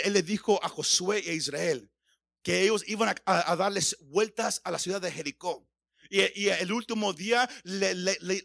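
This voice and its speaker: A man with a high, gravelly voice preaches. He stumbles over repeated words before surging into loud calls, and the sound is close and dry with no room echo. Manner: stammering restarts, rising to shouts. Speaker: pastor. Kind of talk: sermon.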